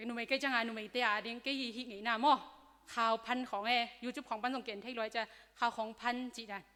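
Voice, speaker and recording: A woman addresses a church youth gathering, walking them through health topics in a loose, conversational way full of fillers. Her voice sits a little high and sounds bright and forceful. The sound carries the long reverb of a large hall. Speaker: speaker at a church youth seminar. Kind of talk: informal health talk to young people.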